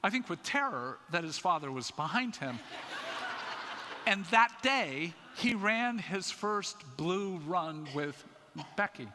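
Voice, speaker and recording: An older man giving a conference talk in a church, telling a family story in an animated, self-mocking way. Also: high voice, takes it slowly, noisy background. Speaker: conference speaker. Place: church sanctuary. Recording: echoey church hall.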